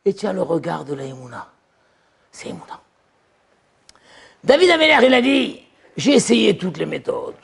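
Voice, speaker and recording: A man giving an animated religious lecture as a rabbi, telling stories and acting out little dialogues. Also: high-pitched, normal speed, vocal fry, long pauses, slightly rough. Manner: lively storytelling, acts out voices. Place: yeshiva lecture hall.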